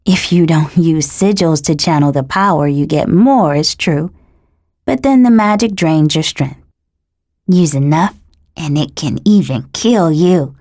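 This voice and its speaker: A woman reading an audiobook, voicing a young boy godling who speaks softly with smug, cruel relish. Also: deep voice, a little slow, dry recording, clean studio sound. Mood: smug mocking. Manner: soft, smug, mocking. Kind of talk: audiobook character voice.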